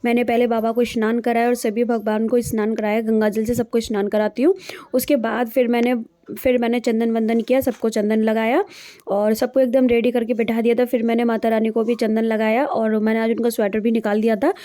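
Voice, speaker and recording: Young woman vlogger rattling through her day, kinda high but mellow voice. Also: flat delivery, fairly quick. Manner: chatty, diary-like retelling. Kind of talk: narrating a daily home vlog.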